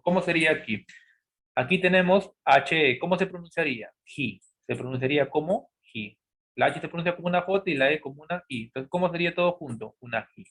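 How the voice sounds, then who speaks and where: Guy teaching a class, kinda high voice, asks himself stuff then answers, repeats words slow. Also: fairly bright tone. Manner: asks questions aloud and answers them himself; repeats key words slowly for emphasis. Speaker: English teacher. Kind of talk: classroom-style lesson explanation.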